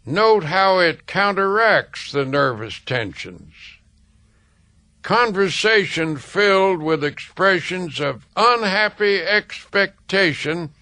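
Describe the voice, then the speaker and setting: A man reading a self-help book aloud as scripted narration, slow, measured and soothing, with deliberate pauses. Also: a little high, sharp tone, no echo. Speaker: audiobook reader.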